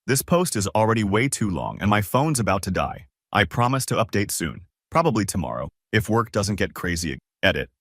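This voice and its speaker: A man with a lowish voice tells a first-person story as scripted narration. His delivery is casual and conversational. The recording is close and dry, with no room sound. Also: sing-song, brisk, a bit bright, no room sound.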